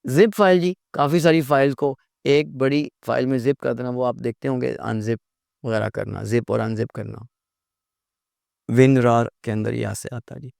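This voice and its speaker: A man's voice: mid-range voice, vocal fry, darkish tone, no echo, clean studio sound. A man giving a lecture as an English teacher, explaining patiently and repeating his points as he addresses the listener politely.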